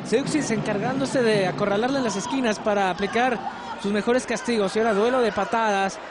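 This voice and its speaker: A high-pitched male wrestling commentator offers analysis of live action. A loud crowd and heavy noise surround his voice throughout the broadcast. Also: fairly even intonation, a little fast.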